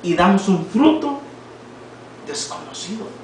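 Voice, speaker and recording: High-voiced Mexican preacher in echoey church. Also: male voice, expressive, measured pace. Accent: Mexican Spanish. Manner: preaching, swings from quiet reading to shouted exhortation. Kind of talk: church sermon with scripture reading. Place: church hall. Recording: very echoey hall from far off, faint noise.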